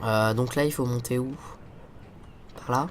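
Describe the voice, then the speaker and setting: Speaking a bit slowly in a mid-range voice with fairly even intonation, a teen boy with a cold hosts a casual let's-play. He rambles, curses at the game, and sounds stuffy, with slight background noise present.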